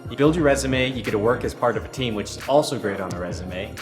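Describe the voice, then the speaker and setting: A man's voice: medium pitch, expressive, fast talker. A young man who leads a student hackathon planning team, explaining the event in an upbeat, fluent interview answer. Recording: music bed under voice.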